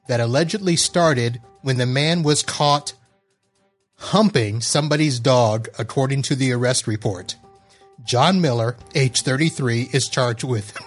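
A man from Florida hosting a casual podcast, chatty and often laughing as he reads. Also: mid-range voice. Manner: chatty, laughs while reading. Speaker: podcast host.

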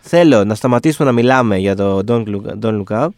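A man's voice: fairly low pitch, a little mellow, clean tone, dry recording. A man co-hosting a podcast in a small studio, chatting casually with wry, weary exasperation. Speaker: podcast co-host. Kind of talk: casual chat.

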